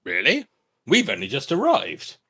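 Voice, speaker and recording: Hesitant man with a very animated pitch. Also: breathy edge. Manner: politely hesitant, halting. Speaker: tabletop game player. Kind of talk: improvised in-character dialogue.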